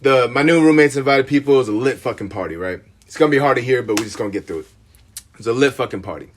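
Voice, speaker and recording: A man's voice: medium pitch, animated, slight background noise. Subdued man telling a personal story. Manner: subdued, halting storytelling with many fillers. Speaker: podcast host. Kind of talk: casual podcast conversation.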